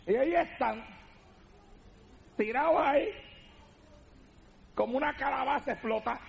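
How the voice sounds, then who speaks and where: A man preaching a fervent radio sermon from a church altar, emphatic and often shouting. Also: very high voice, measured pace, creaky. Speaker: pastor. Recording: dull lo-fi radio broadcast recording.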